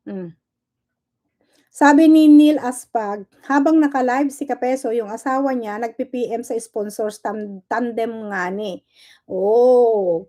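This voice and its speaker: A woman with a high but mellow voice holds forth on her livestream. She is combative and sarcastic, throwing one rhetorical question after another, and drops English words into her talk as she goes. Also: takes it slowly. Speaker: livestream host. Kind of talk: casual livestream rant.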